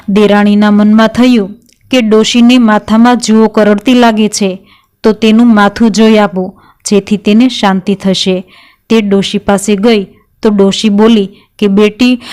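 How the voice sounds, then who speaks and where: A woman reads a devotional folk tale aloud with a smooth, clear voice. Her pitch sits at an ordinary middle height. She tells it in a steady, even storyteller's manner.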